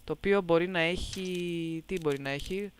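A man's voice: high voice, clean tone. A man giving casual let's-play commentary, joking, talking back to the game and reading its text aloud, with a sore throat and a cough. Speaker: gameplay commentator.

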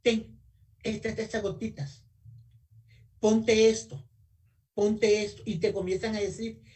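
A woman giving a health talk as a guest speaker in a webinar. She is animated, talks straight to her listeners and asks for the next slide. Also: mid-range voice. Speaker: guest speaker, audiology technician. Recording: voice a bit far from the mic.

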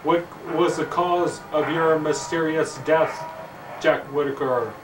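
A man acting as a medium who questions a ghost in a low-budget amateur movie, solemn and halting. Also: fairly even intonation, background noise. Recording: echoey room, distant mic, loud music.

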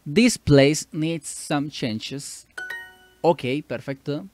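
A man's voice: on the high side, extremely slow, a little mellow, soft background music. A man with a Mexican Spanish accent giving casual commentary while he practises with a language app, chatty and correcting himself as he goes. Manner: chatty, self-correcting, thinks aloud. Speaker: YouTuber doing language practice.

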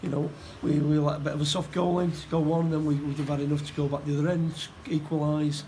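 A middle-aged man, a football manager, talks through a post-match interview indoors. His voice sits a little high, and he restarts and repeats words as he goes. A faint background hum runs under the recording. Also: flat delivery, warm tone, low-quality recording. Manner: halting, repeats words, plain-spoken. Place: indoor room by a stadium door.

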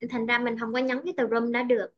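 A woman's voice: fairly high pitch, little pitch movement, quick pace, highs cut off. A Vietnamese woman teaching English pronunciation in an online lesson, patient and checking often that the student follows.

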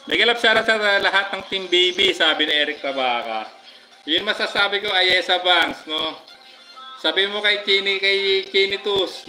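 A man with a Filipino accent, chatting casually on a live stream, giving viewers shoutouts with many fillers. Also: sits high, rough recording. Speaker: livestream vlogger.

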